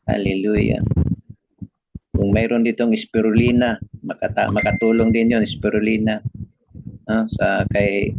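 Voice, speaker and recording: Filipino male pastor, gravelly voice. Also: lowish voice, level tone, measured pace, long pauses. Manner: preaching with call-and-response "amen?". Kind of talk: sermon. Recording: dull lo-fi recording with background noise.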